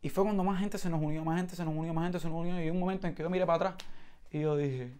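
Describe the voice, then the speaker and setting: A man from Cuba with a Cuban accent, giving spoken testimony in an animated storytelling way, with frequent restarts and imitated sounds. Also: on the high side, very fast, heavy background noise. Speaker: protest participant giving testimony.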